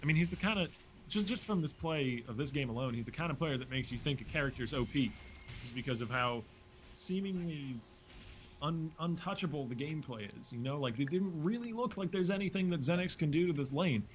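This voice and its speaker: A man casting an esports match, giving quick play-by-play with wry jokes. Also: fairly high pitch, lively intonation, slight background noise. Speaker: esports caster. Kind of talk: play-by-play commentary.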